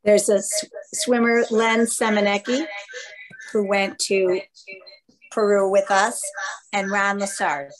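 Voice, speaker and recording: A woman's voice: medium pitch, fairly even intonation, slow, long pauses, crowd noise. A woman talking on a video call, her voice doubled by echo from a second device in the same room. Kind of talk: casual remarks on a video call. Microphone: laptop or phone mic on a video call.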